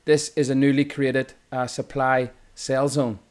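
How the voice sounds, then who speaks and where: A man's voice: mid-range voice, little pitch movement, measured pace, darkish tone, clear, resonant tone. A man with an Irish accent, walking through a chart tutorial as a trading instructor in a loose, explanatory way, often correcting himself mid-sentence. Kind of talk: screen-recorded chart tutorial.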